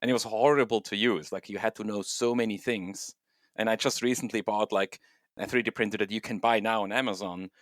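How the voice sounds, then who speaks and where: A man's voice: on the low side, fairly even intonation, a little fast, a bit bright, no room sound, clean studio sound. A middle-aged man from Switzerland, talking casually as an interview guest, thoughtful and loose with many fillers. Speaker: guest, software engineer and home miner.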